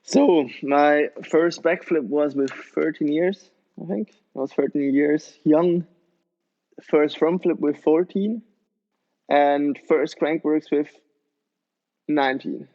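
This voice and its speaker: Guy in his 20s chatting easy in an interview, kinda highish voice, muffled lo-fi audio. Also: takes it slowly. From Switzerland. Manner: relaxed, loose and chatty, with slightly non-native phrasing. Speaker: guest, BMX rider. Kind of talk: casual interview.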